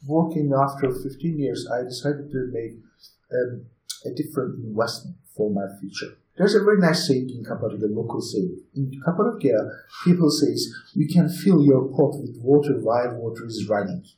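Interviewed casually, a forties-aged guest from Turkey who runs an inn and flies balloons shares animated anecdotes. His English is non-native and halting, Turkish-accented, in a mid-range voice. He comes across as a chatty storyteller, and a roomy echo fills the recording.

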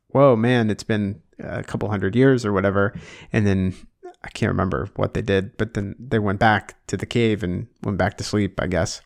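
A man's voice: on the low side, creaky. A man co-hosting a podcast in casual chat. He rambles and muses aloud, restarting often and filling his talk with "like.". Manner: rambling, musing, full of "like" and restarts. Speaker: podcast co-host.

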